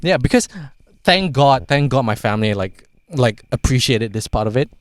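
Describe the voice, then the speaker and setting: A man from Singapore hosts a casual podcast. His voice sits at an average pitch, and he rambles with plenty of "like" and the odd curse. The recording is dry and close. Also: animated, moderate pace, no room sound. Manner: rambling, swears freely, frequent "like". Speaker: podcast host.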